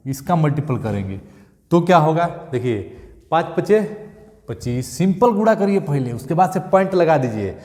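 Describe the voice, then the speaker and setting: A male maths teacher, repeating steps and checking in often with "thik hai" and "clear". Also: fairly high pitch, warm tone, big-room sound. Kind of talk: classroom maths lesson.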